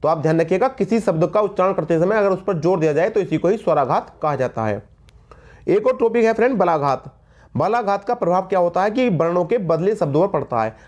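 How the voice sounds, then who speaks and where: Male Hindi-accented tutor, high pitch, emphatic and repetitive, talks straight to students. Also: animated, a little fast, darkish tone. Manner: emphatic, repeats key words, addresses viewers as friends. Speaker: teacher. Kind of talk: Hindi grammar lesson for exam prep.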